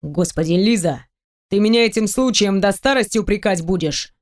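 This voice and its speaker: A woman's voice: normal speed, lightly acted. Woman doing a velvety, teasing grown man. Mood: exasperated. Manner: low, velvety, coaxing delivery. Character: teasing, seductive grown man, confident and pushy. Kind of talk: audiobook reading.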